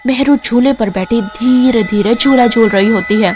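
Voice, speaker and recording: A woman narrating a scripted horror story in a measured, suspenseful way. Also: on the high side. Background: music.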